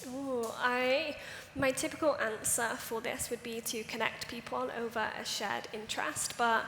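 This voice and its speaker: A woman creator speaks on a conference panel in an upbeat, self-deprecating way. Her voice sits fairly high. A roomy hall echo with long reverb hangs around her words. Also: steady tone, a little slow, fairly bright tone, a little hiss or hum. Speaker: community builder and creator, panelist. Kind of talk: live panel talk. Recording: roomy hall with faint ambience.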